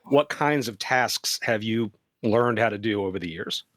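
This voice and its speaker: A man hosting an interview, asking attentive, measured questions. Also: fairly low pitch, a bit bright, no echo, clean studio sound. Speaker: podcast host, interviewer.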